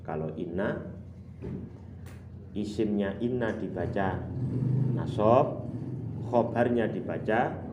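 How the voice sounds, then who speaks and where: A man's voice: on the low side, takes it slowly, long pauses, heavy background noise. A man teaching a morning kitab lesson at a boarding school, chanting Arabic and then glossing it word by word. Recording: roomy hall, distant mic, faint ambience.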